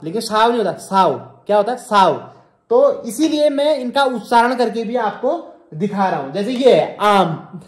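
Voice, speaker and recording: Man teaching words, echoey room. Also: very high voice. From Kumaon, Uttarakhand. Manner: repeats each word, quizzes the viewer. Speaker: language teacher. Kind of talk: spoken language lesson.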